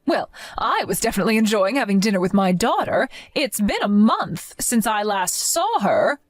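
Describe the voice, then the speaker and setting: A woman voicing a middle-aged mother who calmly and pointedly questions her son-in-law in a dramatized chat story. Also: medium pitch, normal speed, no echo.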